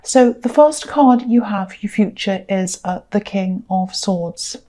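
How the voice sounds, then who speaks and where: Mellow-voiced woman giving a tarot reading. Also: medium pitch, slow pace. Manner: earnest, reassuring, with frequent fillers and repetition. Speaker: tarot reader.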